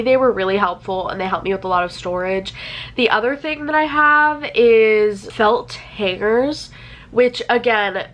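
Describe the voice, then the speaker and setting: A woman's voice: mid-range voice, sharp tone, low-quality recording. A young adult woman vlogger with a congested, stuffy voice from a cold, talking in a chatty, casual way full of "like" fillers. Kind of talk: casual chat.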